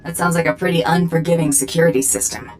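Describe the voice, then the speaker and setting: A man's voice: fairly high pitch, quick pace, darkish tone, faint music behind, lightly acted. A male actor playing a tough, cocky bounty hunter in a video game, terse and blunt. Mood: cool, cocky.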